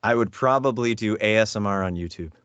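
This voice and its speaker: A man speaking as a voice actor guest in a relaxed, self-deprecating interview chat. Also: lowish voice, a little fast, smooth, no room sound. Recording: dull lo-fi dry sound.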